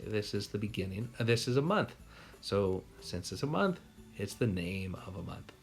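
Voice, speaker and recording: Brief: male teacher with an American accent, gravelly voice, breaks words into sounds for kids. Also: fairly low pitch, very animated, soft background music. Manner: sounds out words slowly, asks rhetorical questions. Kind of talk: spelling lesson.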